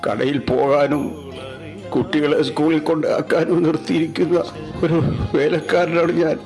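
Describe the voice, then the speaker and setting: A man's voice: a little high, flat delivery, normal speed, a little mellow, faint music behind, close to an everyday voice. A man playing a poor elderly father in an amateur skit, pleading and wailing that he fears the injection. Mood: mournful. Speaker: vaccine patient in a short skit.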